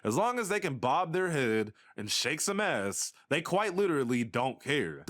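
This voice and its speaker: A man's voice: fairly high pitch, moderate pace. A young man delivering a sarcastic, slang-heavy rant about music in a commentary video. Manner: animated, sarcastic ranting with blunt slang.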